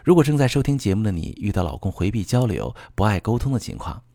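A very deep male voice that still rises and falls in lively swings, as he coaches the listener through a marriage problem. He talks calmly and directly to the listener. The sound is dry and close, with no room around it. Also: quick pace, no echo. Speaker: relationship advice host. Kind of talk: scripted advice talk.

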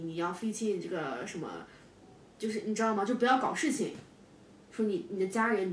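Young woman guest, rapid storyteller, restarts a lot; distant, roomy recording with faint rumble. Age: 20s. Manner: fast, halting with many repeated words. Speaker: guest telling her breakup story. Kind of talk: casual podcast storytelling. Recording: echoey room, distant mic, faint rumble.

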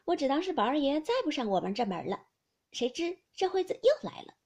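A woman voicing a cheerful, outspoken young maid in a storybook reading, who chides briskly and teases. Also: high-pitched, big pitch swings, darkish tone, pitched above the performer's own voice. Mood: teasing. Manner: brisk, teasing, scolding kindly.

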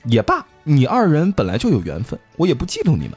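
Husky playful male storyteller. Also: on the high side, fast, soft background music. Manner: lively, playful, joking with co-hosts. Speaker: podcast storyteller host. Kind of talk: casual storytelling chat.

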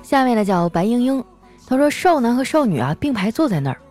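A woman's voice: on the high side, very animated, brisk, mellow, soft background music. A woman from northeast China hosting an audio show, reading listener jokes aloud in a chatty way and often laughing along. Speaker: podcast host.

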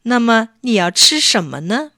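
A woman's voice: fairly high pitch, big pitch swings, normal speed, sharp tone, dry recording, clean studio sound, heavily acted. A woman reading a children's storybook, voicing an old grandmother goldfish who coaxes and scolds. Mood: coaxing. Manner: scolding, motherly.

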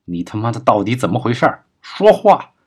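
Man voicing an explosive, yelling gangster. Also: mid-range voice, very animated, fairly quick, slightly rough. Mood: enraged. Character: angry male gang member, explosive temper.

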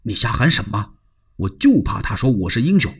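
A man doing a careful, anxious eldest brother in a storyteller's tale, forever hushing and smoothing things over. His voice is low and a little husky, with lively rises and falls. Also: brisk, exaggerated voice. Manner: hushed, placating, urgent. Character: cautious, worried elder sworn brother, soothing.

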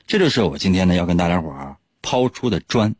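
Husky joking man. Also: low-pitched, very animated, fast talker, dry recording. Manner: teasing, chuckles often. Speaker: radio host. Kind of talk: joking storytelling. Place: radio studio.

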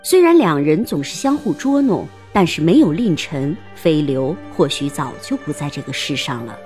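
Expressive woman narrating an audiobook. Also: deep voice, normal speed, soft background music. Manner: expressive, storytelling.

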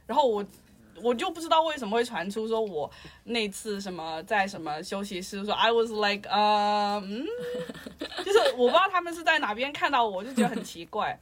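A woman's voice: medium pitch, expressive, fairly quick, slight background noise. A woman in casual chat, ranting and slipping in English phrases. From lives in Shanghai.

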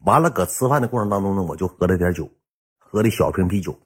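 A man's voice: low voice, expressive, fast, husky. A man in his thirties with a Northeastern Mandarin accent, a streamer telling a coarse, swearing story. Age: 30s. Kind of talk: casual storytelling.

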